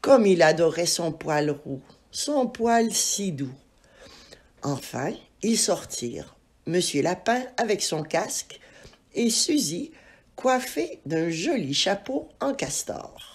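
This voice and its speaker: A woman reads a children's story aloud in an expressive, animated way. Her voice is husky and breathy, and she takes an unhurried pace. Her pitch rises and falls widely as she tells it. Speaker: narrator. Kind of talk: storybook reading.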